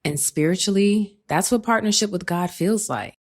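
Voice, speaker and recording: A woman hosting a faith-based self-help podcast, speaking calmly and encouragingly, addressing the listener directly with pet names and frequent check-ins. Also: mid-range voice, normal speed. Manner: calm, reflective delivery with frequent check-ins. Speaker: podcast host.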